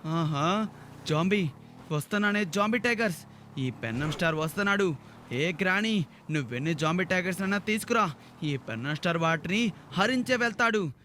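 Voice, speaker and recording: A man gives exaggerated, theatrical gameplay commentary to a young audience. His voice sits high and sounds bright and forceful, with faint noise underneath. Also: expressive, normal speed, long pauses. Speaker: gaming video narrator. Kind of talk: playful game commentary for children.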